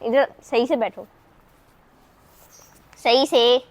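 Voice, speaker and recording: A woman's voice: a little high, extremely slow. A woman vlogging casually, coaxing and teaching in a playful manner like a teacher. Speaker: family vlogger. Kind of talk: casual vlog.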